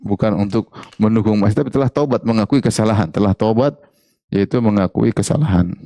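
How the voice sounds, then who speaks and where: A male Islamic preacher gives a religious study lecture in a lowish voice at a fairly quick pace, with no echo. His teaching tone is lively and joking, and he often puts questions to the audience and repeats key phrases.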